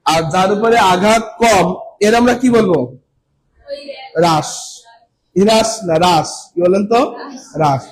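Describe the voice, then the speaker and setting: High-voiced male teacher quizzing his class. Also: a little hiss or hum, low-quality recording. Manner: keeps quizzing students with rhetorical questions, then answers himself; drawn-out, emphatic stressing of key words. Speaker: coaching teacher. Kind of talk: classroom lecture.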